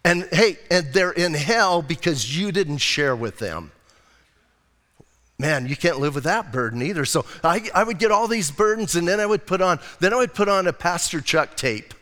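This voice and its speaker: Older preacher in a reverberant hall. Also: male voice, a little high, animated, normal speed, a bit bright. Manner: conversational, emphatic preaching with frequent asides. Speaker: pastor. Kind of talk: sermon. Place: church sanctuary. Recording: long church reverb.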